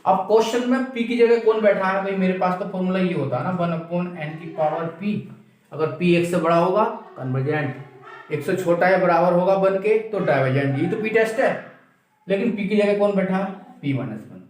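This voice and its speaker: A man's voice: high-pitched, normal speed, slight background noise. A man teaching maths in a classroom lecture. He asks the class questions, answers them himself, and repeats the key steps. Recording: very echoey room, mic far off.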